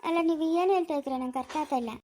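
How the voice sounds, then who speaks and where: A woman's voice: high voice, rapid-fire, darkish tone, lightly acted. A woman playing a mother-in-law who pleads and apologizes in a family village drama, with faint noise behind. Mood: puzzled.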